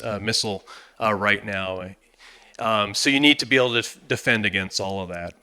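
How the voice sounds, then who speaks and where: American male conference speaker, fifties. Bright, clean voice at medium pitch, stop-and-start delivery. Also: clear, resonant tone. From United States. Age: 50s. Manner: halting, frequent pauses and repeated words. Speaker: conference speaker, defense industry executive. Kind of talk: formal conference presentation.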